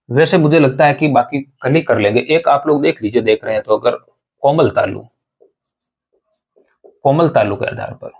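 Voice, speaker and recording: A man's voice: mid-range voice, breathy edge. A man teaching an exam-prep grammar lesson, explaining step by step, repeating points and asking rhetorical questions of his students.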